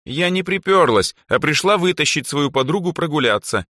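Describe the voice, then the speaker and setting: A man voicing a cheerful, pushy teenage drow girl for a storybook reading, in a bright, bouncy and teasing voice. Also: a little high, expressive, normal speed, no echo, studio quality, voice pushed up.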